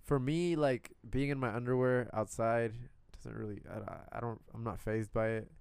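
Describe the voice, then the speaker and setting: This young Puerto Rican podcast co-host has a smooth, medium-pitched voice with vocal fry, heard at a moderate pace on a dry recording. Chatting casually, he retells stories in an animated, blunt and profane way, dropping in quoted asides.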